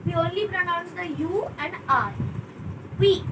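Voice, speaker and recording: A young woman teaching basic French numbers, slowly repeating each word several times. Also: very high voice. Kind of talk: basic language lesson. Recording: distant mic with traffic noise.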